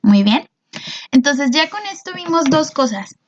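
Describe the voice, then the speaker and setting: A woman's voice: high-pitched, lively intonation, unhurried, highs cut off. A woman teacher, patiently explaining a lesson and often checking in with her students. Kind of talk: recorded class explanation.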